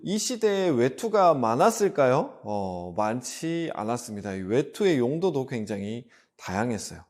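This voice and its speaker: A man preaching a children's sermon, telling the story in an animated way and asking the kids questions. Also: medium pitch.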